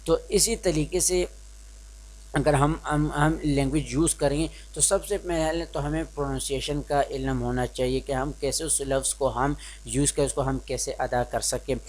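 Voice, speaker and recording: A man's voice: mid-range voice, fairly even intonation, darkish tone. Young guy from pakistan teaching reading skills, lots of restarts, drops english phrases in. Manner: hesitant, many restarts, slips into English phrases. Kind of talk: informal spoken lesson.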